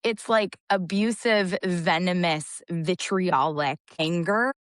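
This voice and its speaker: An impassioned woman talking on a podcast, her voice sitting low and her long sentences tumbling into each other. The sound is dry and close, with no room around it. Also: dry recording. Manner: impassioned, rapid run-on storytelling. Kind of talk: casual podcast conversation.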